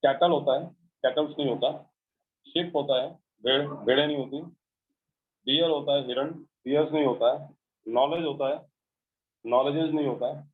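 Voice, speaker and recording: A male teacher with an Indian English accent gives a grammar lecture in a slightly high voice, going over each point again and again and checking that the class understands. The recording is thin and narrow, like it came through a phone line. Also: fairly even intonation, normal speed, pauses often. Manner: repetitive, explanatory, checks understanding.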